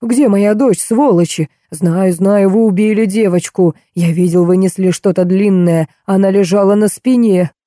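A frail, deranged old man howls accusations and repeats himself in a loud, raw rant, as a woman reads him aloud. The voice is very dark and mellow, recorded dry and close. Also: medium pitch, fairly even intonation, moderate pace, few pauses, no echo, close to an everyday voice. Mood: raving.

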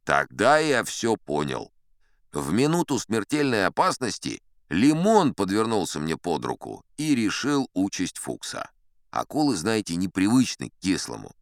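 Old sea captain, very low voice, animated swoops, pompous storytelling, theatrical audiobook, close dry sound. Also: male voice, unhurried, dry recording, heavily acted. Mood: pompous, wry. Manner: pompous, conversational asides to a young listener. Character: old sea captain spinning tall tales, pompous and dignified. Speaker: audiobook performer narrating as a character. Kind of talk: theatrical first-person storytelling from an adventure audiobook.

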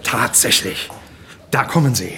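An actor playing a cynical, educated engineer who speaks in a calm, wry, soothing way, in a 1960s radio drama. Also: male voice, medium pitch, unhurried. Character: cynical, educated engineer among wounded soldiers.

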